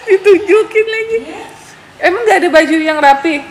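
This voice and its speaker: A woman talks slowly in a high voice on a phone live stream. She teases the people around her and coaxes a small child gently. Road and vehicle noise runs clearly under the recording. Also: low-quality recording. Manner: teasing, then coaxing and soothing a crying child. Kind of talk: casual live-stream chat.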